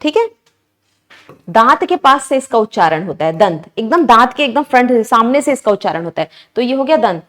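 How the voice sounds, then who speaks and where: A woman teacher with a slightly high voice talks through exam questions. She keeps asking her students questions and builds each answer step by step. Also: big pitch swings, fairly quick, fairly bright tone. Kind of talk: exam prep lesson.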